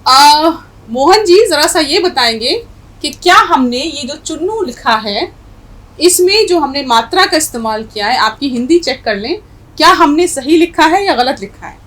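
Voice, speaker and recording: A woman's voice: high voice, lively intonation, moderate pace, a bit bright, rough recording. A woman teaching a Urdu language lesson, explaining words patiently and repeating each example with a North Indian Hindustani accent.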